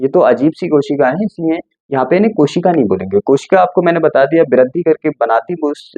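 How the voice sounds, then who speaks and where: A man's voice: fairly high pitch, no echo, dull audio. A male teacher going through a textbook line by line, often asking a question and answering it himself.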